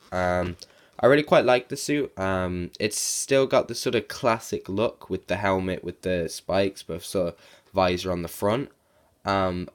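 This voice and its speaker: A man's voice: sits low, clean tone. A man with a sore throat and sniffles giving a casual, rambling video review as a comic book reviewer.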